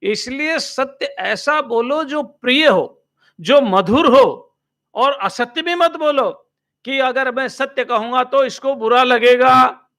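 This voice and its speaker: High-voiced swami, slow and bright. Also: male voice. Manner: slow, measured, quotes scripture and explains each verse. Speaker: swami giving a discourse.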